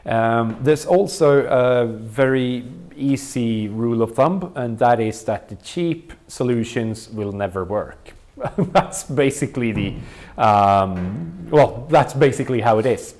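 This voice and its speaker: An event organizer with a Swedish accent, a native Swedish speaker, gives a casual tour of tech equipment, filling it with plenty of ums and uhs. His voice is medium-pitched and darkish, with lively intonation and a slow pace.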